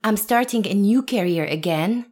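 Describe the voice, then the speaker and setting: A Lebanese actress in her thirties, appearing as an interview guest, reflects earnestly and emphatically, laughing now and then. Her medium-pitched, darkish voice carries lively intonation at a normal speed.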